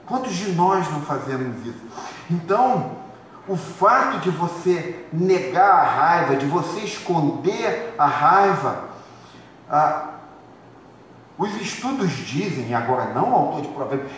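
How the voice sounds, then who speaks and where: A man preaching a sermon as pastor, lively and conversational, acting out the voices of his congregation. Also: on the high side. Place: church hall. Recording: echoey hall, far from mic, faint noise.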